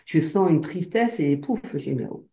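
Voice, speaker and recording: A woman's voice: deep voice, animated, moderate pace, creaky, warm tone. A woman telling her own experience casually as a hypnosis client, hesitant, with many fillers and restarts. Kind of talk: casual personal account. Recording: roomy echo.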